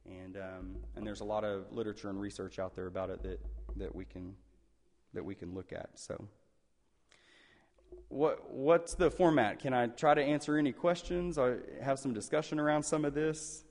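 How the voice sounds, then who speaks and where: Low-voiced man presenting in an echoey hall. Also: normal speed, a little mellow. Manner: hesitant, repeats phrases. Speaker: presenter on elder care taking questions. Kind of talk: public talk, unscripted with some read-aloud passages. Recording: echoey hall, long reverb.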